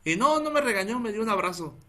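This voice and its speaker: Mexican pastor guy, northern accent, bright forceful voice, animated sermon story, keeps saying hermanos. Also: sits high, fast. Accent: northern Mexican Spanish. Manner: animated, keeps calling out "hermanos", laughs at his own story.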